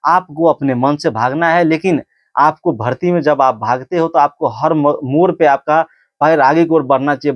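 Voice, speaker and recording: A man's voice: fairly high pitch, dry recording, muffled recording. A man giving casual, earnest training advice to viewers, repeating points and restarting sentences often. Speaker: physical test coach. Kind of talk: casual instructional talk to camera.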